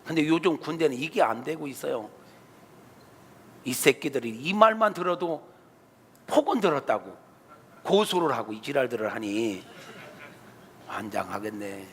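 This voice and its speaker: A man, a pastor, preaching a sermon in an animated, colloquial way in a church. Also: medium pitch, normal speed, pauses often, a little hiss or hum. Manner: animated, colloquial, acts out quotes. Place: church sanctuary. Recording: reverberant church hall.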